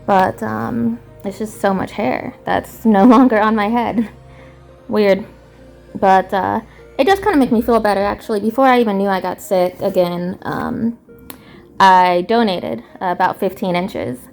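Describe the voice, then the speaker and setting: A woman with a mid-pitched voice and heavy vocal fry chats in a personal patient diary. Her delivery is casual and unscripted, with faint music behind it. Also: a little slow, a little mellow. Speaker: patient vlogger.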